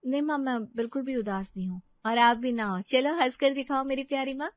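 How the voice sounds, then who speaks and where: A woman voicing an emotional, affectionate young bride in an animated story, shy and excitable. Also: high voice, brisk, no echo, voice pushed up, lightly acted. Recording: dry, slightly dull lo-fi audio.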